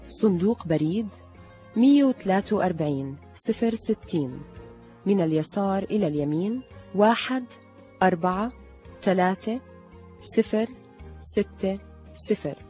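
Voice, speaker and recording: A woman's voice: mid-range voice, dark tone, highs cut off. A woman, formally announcing the program's contact address. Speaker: radio announcer.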